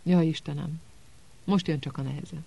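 A man's voice: on the high side, fairly even intonation, vocal fry, mellow, slightly rough, dull audio. A man reading a clever, anxious teenage girl in an audiobook, sounding urgent and flustered.

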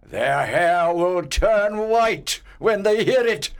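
A man voicing an angry, vengeful old male ghost nobleman in a theatrical, booming, slow manner. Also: animated, clean tone, heavily acted. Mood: gloating.

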